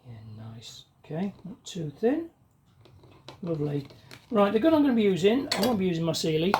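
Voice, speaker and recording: A woman's voice: medium pitch, moderate pace, noisy background. A woman talking casually to camera while spray-painting a car part in her home garage, her voice muffled by a paint mask. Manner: relaxed, chatty running commentary. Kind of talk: casual talk while working.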